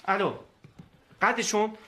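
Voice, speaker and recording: A man's voice: high-pitched, animated, sharp tone. An actor playing a harried man relaying questions on the phone in a comedy series. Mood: brisk.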